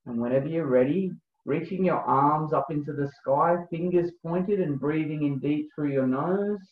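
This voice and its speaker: Man guiding breathwork, echoey, phone-like sound. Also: on the high side. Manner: slow, spaced instructional phrasing when guiding. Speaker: breathwork coach, guest. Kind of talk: guided breathing meditation, then casual explanation. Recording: thin phone-like sound, roomy echo.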